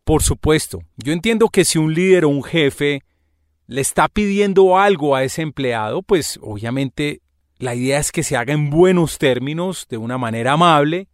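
A man's voice: fairly high pitch, lively intonation, moderate pace, dry recording, studio quality. A man talking through a podcast monologue in a conversational, explaining way. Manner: conversational, explaining with everyday examples. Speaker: podcast host.

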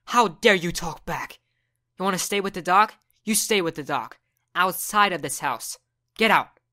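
A woman voicing a furious, strict middle-aged mother who scolds harshly and shouts. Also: lowish voice, expressive, moderate pace.

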